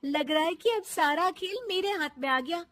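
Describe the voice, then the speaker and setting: A woman voicing a meek, cheerful young daughter-in-law in an animated story, with a pleading, excitable way of speaking. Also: extremely high pitch, moderate pace, voice pushed up. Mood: defiant.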